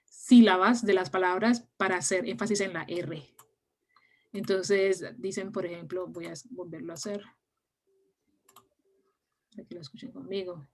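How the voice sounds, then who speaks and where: A woman teaching English pronunciation online, explaining patiently in Spanish with English words mixed in. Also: mid-range voice. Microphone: laptop mic on a video call.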